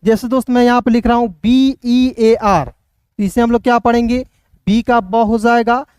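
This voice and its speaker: A man with a Hindi accent teaching English phonics, spelling words letter by letter and sounding them out slowly. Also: very high voice, steady tone, darkish tone, smooth, no echo, clean studio sound. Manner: slow, repeats words, checks with listeners.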